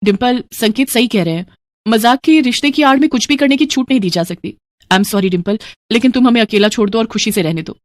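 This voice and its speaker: A woman voicing a busy, practical young wife who speaks in a brisk, chiding way in a storybook tale. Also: on the high side, no room sound, clean studio sound, lightly acted. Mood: apologetic. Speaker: narrator voicing a character. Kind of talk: storybook narration.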